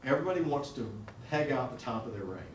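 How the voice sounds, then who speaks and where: A man's voice: mid-range voice, lively intonation, fast talker, slight background noise. A man teaching a class on salary negotiation in a blunt, conversational way, often asking the students questions. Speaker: lecturer. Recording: echoey room audio recorded from a distance.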